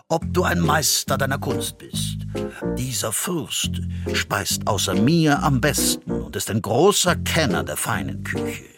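A man voicing a proud, greedy duke who speaks in a grand, commanding manner. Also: mid-range voice.

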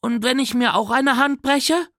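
A man voicing an excitable five-year-old boy, breathless and squealing, in a storybook reading. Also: very high voice, a little slow, no echo, studio quality, voice pushed up, exaggerated voice. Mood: excited.

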